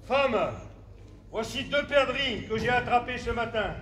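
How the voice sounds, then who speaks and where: Man acting a high-voiced, commanding medieval husband. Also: lively intonation, measured pace, sharp tone, reverberant, a little hiss or hum, heavily acted. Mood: commanding, pleased. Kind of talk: open-air farce acting.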